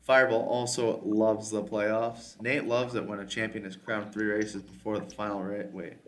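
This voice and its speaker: A man hosting a casual podcast, reading out listener questions and messages with quick asides. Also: on the low side, little pitch movement, a bit bright, slight background noise. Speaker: podcast host.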